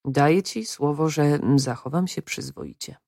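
A woman reading the part of a shy, awkward young man who speaks slowly and haltingly, in an audiobook. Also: deep voice, big pitch swings, a little mellow, dry recording, studio quality, exaggerated voice. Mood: humble. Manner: slow, deliberate, halting.

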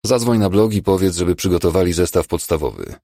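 A man voicing a calm, firm emergency doctor in an audiobook. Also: sits low, quick pace, dry recording, studio quality. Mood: curt.

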